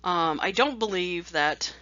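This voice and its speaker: A woman's voice: lowish voice, expressive, a little slow, bright, forceful tone, no room sound, muffled recording. Chatty woman lecturing on statistics. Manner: chatty, self-mocking, bursts of "woohoo" between slides. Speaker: statistics instructor. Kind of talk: recorded lecture over slides.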